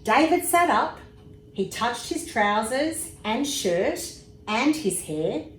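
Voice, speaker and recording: An emergency services commissioner slowly reads a bedtime story to young kids, lively in tone and dropping in asides about the pictures. Her voice is a little high, with noticeable echo from the room and faint noise underneath.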